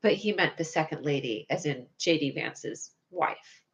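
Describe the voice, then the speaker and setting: A young woman livestreams casually to her viewers, her voice deep yet whiny and needy, speaking unhurriedly. She rambles in a scatterbrained way, puts herself down, and now and then bursts into excited squeals.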